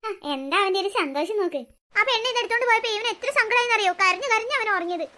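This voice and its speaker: A woman's voice: very high-pitched, animated, rapid-fire, pushed and bright, exaggerated voice. A woman voicing a caring teenage elder sister who explains things patiently, in a cartoon story. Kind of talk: cartoon voice acting.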